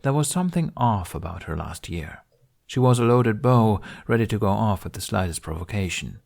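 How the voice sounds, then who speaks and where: An audiobook narrator with a fairly low, gravelly, slightly mellow voice reads a fantasy novel aloud in scripted storytelling. His delivery is animated and moderately paced.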